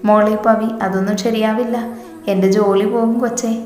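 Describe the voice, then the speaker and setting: A gentle young husband speaking softly and coaxingly, as a woman storyteller reads him. The voice stays level, without much lift. Long echo hangs in the room around it. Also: medium pitch, little pitch movement, normal speed, close to an everyday voice. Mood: tender. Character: young man, tender loving husband. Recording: echoey room with long reverb.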